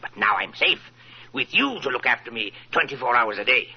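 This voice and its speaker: In a mid-range voice with big pitch swings and a fairly quick pace, an actor plays a wealthy, paranoid, self-satisfied old businessman in 1940s radio style. He sounds triumphant and boastful, theatrical and grandly wordy, repeating himself for emphasis. It's a muffled vintage radio recording with crowd noise.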